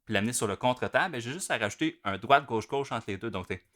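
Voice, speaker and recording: A man, explaining drum rudiments in a relaxed, casual way with many fillers. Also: mid-range voice, fast talker, over loud music. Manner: relaxed, talks through patterns with many fillers. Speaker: drum teacher.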